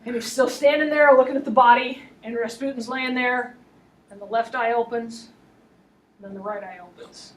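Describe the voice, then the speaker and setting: A woman lecturing on history as an animated story, with wry, laughing asides, recorded in a classroom. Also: a little high, moderate pace, recorded from a distance, slight background noise.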